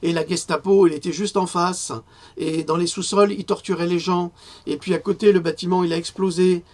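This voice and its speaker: Husky-voiced indignant man. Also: high voice, fairly even intonation, brisk, darkish tone. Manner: indignant, rising to outrage, many filler hesitations. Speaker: independent press commentator. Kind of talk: spoken press review.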